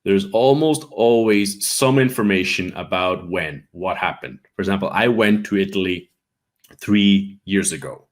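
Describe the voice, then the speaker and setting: A man with a light Irish accent teaches an English lesson, explaining slowly and patiently. His voice sits a little low for a man. He keeps checking in with his students as he goes. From Ireland. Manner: patient, repeats with frequent "right?" checks.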